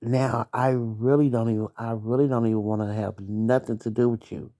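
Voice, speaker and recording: A woman's voice: a bass voice, fairly even intonation, normal speed, warm tone. A young adult woman hosting a late-night podcast, venting bluntly about her ex, swearing and talking straight at him. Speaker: podcast host.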